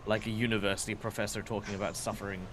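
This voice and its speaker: A man's voice: fairly low pitch, flat delivery, racing, over a noisy crowd. A man playing a tabletop game, talking casually and hesitantly, repeating words as he thinks.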